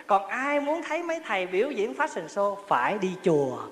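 Brisk and fairly bright, with big pitch swings, a high-pitched male monk delivers a humorous, storytelling dharma talk where he laughs a lot and asks listeners questions. Long hall reverb and faint ambience surround him.

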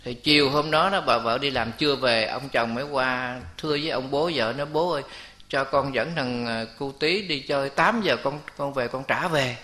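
A man giving a Buddhist sermon, telling stories and voicing the people in them, his pitch rising on key points. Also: moderate pace, pushed and bright. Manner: storytelling, acts out voices of people in the stories. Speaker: Buddhist monk. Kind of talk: Buddhist dharma talk with stories.

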